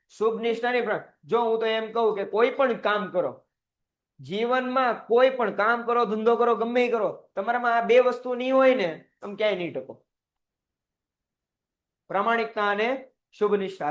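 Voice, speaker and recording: A man with a notably high voice, giving a recorded classroom lecture. He keeps checking in with rhetorical questions and acts out little scenes to make his points. The audio is dull and lo-fi. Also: normal speed. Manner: mixes English words into his talk. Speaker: teacher.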